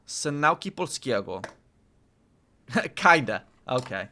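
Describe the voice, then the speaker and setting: A man who is a native English speaker practices Polish with an English-speaking accent, thinking aloud casually, repeating phrases slowly and checking himself with questions. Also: medium pitch, very animated, bright, forceful tone, a little hiss or hum. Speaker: language learner streaming his study.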